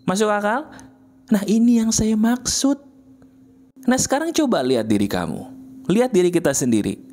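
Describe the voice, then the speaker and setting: Coaxing male motivational speaker. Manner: intimate, coaxing, with frequent repetition and rhetorical questions; swings between soft low murmurs and high emphatic bursts. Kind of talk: motivational monologue to the viewer.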